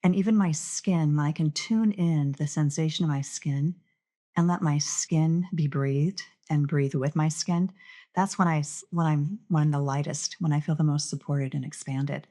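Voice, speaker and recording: A woman's voice: deep voice, normal speed, mellow. A woman guest on a podcast, speaking thoughtfully and earnestly about her experience, with small restarts. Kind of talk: reflective conversational interview.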